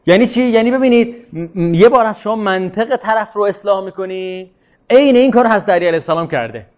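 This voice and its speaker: A man's voice: high-pitched, animated, a little mellow, muffled recording. A man leading an informal religious lecture and discussion, talking in a discursive way, repeating his points and asking rhetorical questions.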